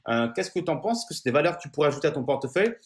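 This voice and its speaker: A man in a relaxed explainer video, chatting straight to the viewer as a friend would. He talks informally, pauses on fillers and restarts his sentences often. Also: a little high. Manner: addresses viewer familiarly. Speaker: finance YouTuber.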